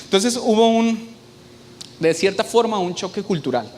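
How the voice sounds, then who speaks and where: Young guy preaching, highish voice, chatty, keeps asking the crowd stuff. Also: lively intonation, normal speed, darkish tone, a little hiss or hum. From northern Mexico. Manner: conversational, often asks the congregation questions. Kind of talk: sermon.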